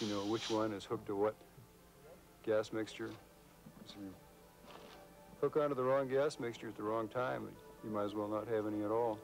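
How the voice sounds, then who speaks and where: A man's voice: fairly low pitch, a little mellow, low-quality recording. A middle-aged man explaining geology outdoors beside a rocky cliff, speaking unscripted, with gestures and a few restarts. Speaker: scientist explaining geology and diving. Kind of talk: casual on-camera explanation.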